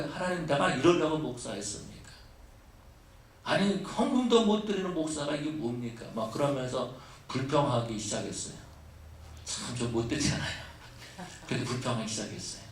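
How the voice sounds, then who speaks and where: A man preaching a sermon as pastor, breaking from plain storytelling into fervent, prayer-like appeals. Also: medium pitch. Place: church sanctuary. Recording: echoey church hall from far off.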